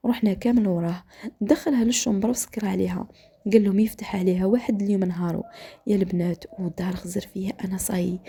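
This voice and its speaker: A woman with an Algerian accent telling a dramatic story while cooking, often dropping to a hushed whisper, with a gravelly voice. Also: mid-range voice.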